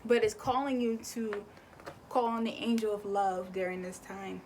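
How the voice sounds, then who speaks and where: A woman's voice: mid-range voice, little pitch movement, moderate pace, background noise. Casual woman doing a card reading. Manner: chatty, repeats words, swears casually. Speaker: tarot and oracle card reader.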